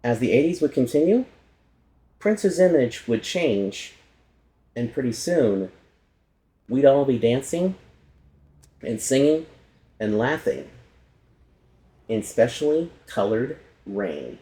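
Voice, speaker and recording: A man hosting and narrating a casual documentary about a musician, chatty and quick to correct himself aloud. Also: mid-range voice, big pitch swings, warm tone. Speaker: host.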